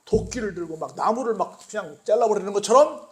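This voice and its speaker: A male pastor delivers a sermon, putting rhetorical questions to the congregation and swinging between quiet, low passages and loud, emphatic ones. His delivery is expressive and fast.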